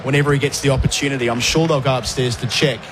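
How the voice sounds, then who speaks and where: A man's voice: mid-range voice, very fast. A man giving live ball-by-ball cricket commentary, conversational and putting questions to his co-commentators. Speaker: cricket commentator, lead caller. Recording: steady outdoor ambient noise.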